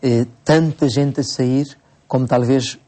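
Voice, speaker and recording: A Cape Verdean priest in his forties answering interview questions at an unhurried pace, with frequent hesitations and restarts. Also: medium pitch, fairly even intonation, dark tone. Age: 40s. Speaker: priest, bishop-elect.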